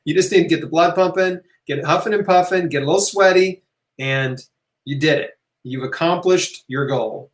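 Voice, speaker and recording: At a normal speed and with a voice on the high side, a man hosts a live health question-and-answer session in an informal, emphatic way. He encourages listeners, repeats key phrases and checks in with "right?" and "okay?", in a roomy, echoing space.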